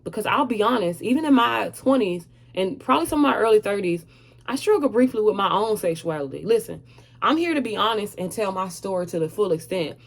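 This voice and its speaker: A woman's voice: mid-range voice, expressive, fairly quick, gravelly. A woman in her thirties speaking frankly and earnestly to camera about her own life, with frequent hesitant fillers. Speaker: vlogger sharing her story. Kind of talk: candid personal testimony to camera.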